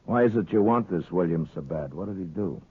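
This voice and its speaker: A very low, rough-edged American voice on a narrow-band vintage radio recording, a frontier marshal in a western. He is steady, weary of the world and sparing with words, probing in a measured way. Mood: calm, probing. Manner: measured, laconic, questioning. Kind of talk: 1950s radio western acting.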